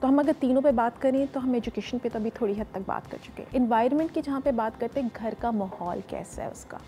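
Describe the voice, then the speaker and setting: A woman psychologist with a Pakistani accent, explaining in a measured way and mixing English phrases into her Urdu, on a TV morning show. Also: a little high, dark tone, soft background music. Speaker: psychologist guest. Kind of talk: studio interview. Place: TV studio.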